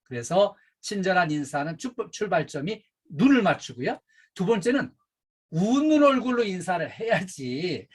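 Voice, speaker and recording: A middle-aged man giving a workplace training lecture, emphatic and animated, with frequent fillers. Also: high-pitched, normal speed, breathy edge. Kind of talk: safety and customer service training lecture.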